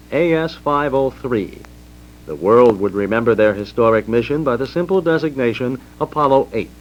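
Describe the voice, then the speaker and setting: A man with an American accent reading scripted historical narration as a documentary narrator, formal and measured. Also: mid-range voice. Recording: dull vintage record with hum.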